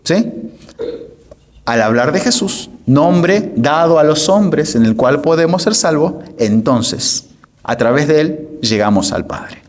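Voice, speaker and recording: A man lectures a congregation. His voice sits fairly high for a man, emphatic and insistent, and he keeps checking that listeners follow. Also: lively intonation, slow. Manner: asks the audience frequent checking questions; emphatic, repeats phrases for stress. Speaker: pastor.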